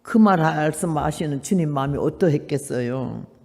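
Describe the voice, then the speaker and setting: 팔십 대 할머니 선교사가 거칠고 걸걸한 목소리로 설교합니다. 대화를 직접 흉내 내며 생생하게 이야기를 풀어 가고, 힘주어 되묻는 질문을 던집니다. 울림이 길게 남는 넓은 예배당 녹음입니다. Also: female voice, low voice, moderate pace, creaky. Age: 80s. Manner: animated storytelling, acts out dialogue, emphatic rhetorical questions. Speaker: missionary preacher. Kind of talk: sermon. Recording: long hall reverb.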